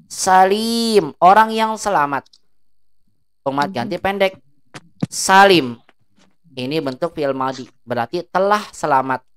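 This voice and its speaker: A woman teaching an Arabic class. She drills words slowly, stretching the long vowels, and asks the class check questions. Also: deep voice, animated, slight background noise.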